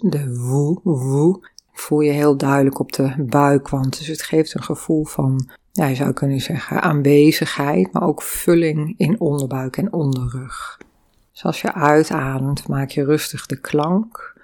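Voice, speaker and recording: A woman with a low voice talks slowly through a guided breathing and body exercise. She hums long, resonant vowel sounds between calm instructions. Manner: calm, slow guiding with sung vowel sounds.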